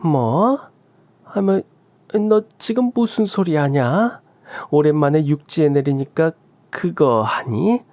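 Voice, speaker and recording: A man playing a shrill gloating mother-in-law. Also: animated, a little mellow, no echo. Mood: flustered. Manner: shrill, scolding, drawn-out wails.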